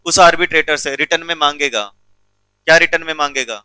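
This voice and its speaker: A man's voice: a little high, steady tone, fast, bright, forceful tone, smooth, no room sound, poor audio. A male teacher giving a classroom law lecture, keeps checking whether students follow and teases them sternly.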